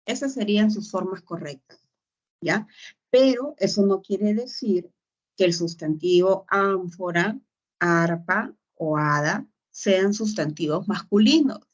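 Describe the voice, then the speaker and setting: A woman's voice: mid-range voice, slow. A woman teaching a grammar lesson, explaining patiently and checking in with short tag questions. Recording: dull lo-fi sound.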